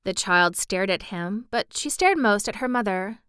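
Bright, crisp woman reading a storybook. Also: medium pitch, normal speed, no echo, clean studio sound. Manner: expressive reading with brief asides. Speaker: audiobook reader. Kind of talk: storybook narration.

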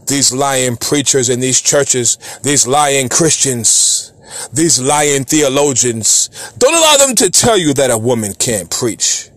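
A man's voice: mid-range voice, animated, slow pace, a bit bright, no echo. A man preaching a fiery rant, chanting lists in a rising singsong cadence.

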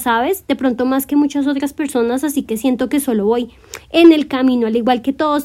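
A woman in her twenties hosting a solo podcast, speaking gently and encouragingly straight to her listener in a reflective monologue. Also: sits high. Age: 20s. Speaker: podcast host.

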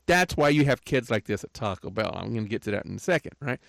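Older man, rambling aggrieved storyteller, mid-pitched voice, dry close sound. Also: animated, fast, creaky, no echo. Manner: rambling, aggrieved, tags lines with "right?". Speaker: podcaster. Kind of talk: casual storytelling rant.

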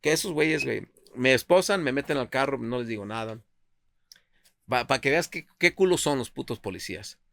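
Speaking fairly quickly with a creaky, mid-range voice, a man from Culiacán, Mexico, launches into a wild story laced with slang and curse words. He gets excitable and keeps switching into English, and the recording has no echo.

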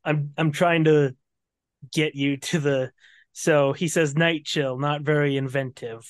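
A man's voice: a little high, fairly even intonation, unhurried, dry recording, clean studio sound. A man co-hosting a casual book discussion podcast, recapping scenes and reading quotes aloud. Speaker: podcast co-host.

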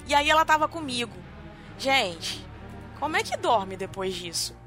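A young adult woman with a Brazilian Portuguese accent, co-hosting a podcast and telling a story in an animated, dramatic way, full of fillers. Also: high-pitched, normal speed, soft background music. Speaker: podcast co-host. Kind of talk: casual storytelling chat.

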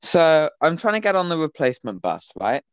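A man's voice: fairly high pitch, very animated, brisk, smooth, no room sound, highs cut off. A teenage man, co-hosting a casual podcast and telling a rambling anecdote with lots of fillers over an online call. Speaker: podcast co-host. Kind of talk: casual chat, storytelling.

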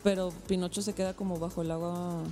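A woman's voice: fairly low pitch, little pitch movement, fast, mellow, soft background music. A woman with a Mexican accent casually retelling a film plot as a podcast host, full of slang and loose rambling. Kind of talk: casual storytelling.

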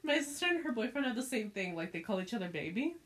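A woman's voice: a little high, big pitch swings, quick pace, a little hiss or hum. A young woman in casual chat with a friend, laid-back and swearing offhandedly.

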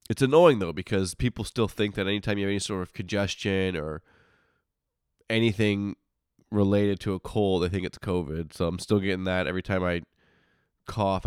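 Stuffed up from sinus congestion, a low-voiced man hosts a podcast on his own, talking casually. The recording is dry and close with no echo, and his voice comes through smooth and clean. He keeps things informal, muttering complaints in asides and breaking off his own sentences.

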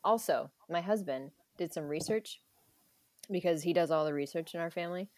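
A woman's voice: on the low side, moderate pace, no room sound. Laughing, jokey woman telling stories. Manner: animated, jokey storyteller who laughs often. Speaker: podcast host, personal trainer. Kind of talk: casual chat.

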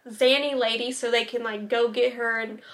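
Chatty high-voiced young woman storyteller. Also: steady tone, moderate pace, fairly bright tone. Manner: chatty, many "like" fillers and asides. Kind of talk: casual true-crime storytelling.

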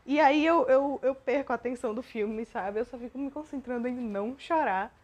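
A woman's voice: sits high, a little fast, darkish tone. Young Brazilian woman, podcast host, rambling, self-deprecating and emotional monologue.

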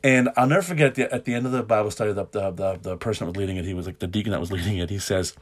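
Low-voiced man preaching a rambling podcast sermon. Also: rapid-fire. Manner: rambling, self-correcting, chuckles often.

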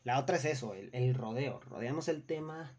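A man's voice: mid-range voice, moderate pace, a little mellow. A young man with a Mexican Spanish accent, casually telling stories from his customer service job, acting out what people said and swearing freely. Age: young adult. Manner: acts out customers and coworkers in quoted voices. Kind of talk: casual storytelling monologue.

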